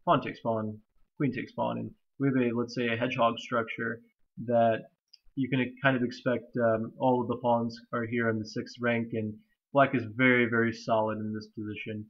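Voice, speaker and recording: A man's voice: medium pitch, little pitch movement, moderate pace. Nasal, stuffy young man analyzing chess. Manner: rambling, many fillers, hesitant restarts. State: stuffy from allergies. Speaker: chess commentator. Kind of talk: casual chess game analysis. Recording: slightly dull lo-fi recording.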